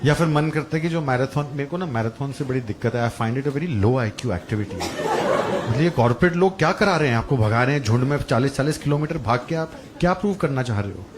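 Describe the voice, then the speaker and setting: A man's voice: mid-range voice, lively intonation, fast, few pauses. A young man performing a stand-up comedy set on a club stage, telling stories in a chatty, crude style. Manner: conversational storytelling, crude punchlines. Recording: loud crowd laughter and room noise. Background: audience laughing.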